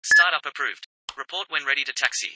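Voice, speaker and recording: A man's voice: fairly high pitch, fairly quick, close to an everyday voice. Man doing ground controller, clipped radio phrasing, heavy noise.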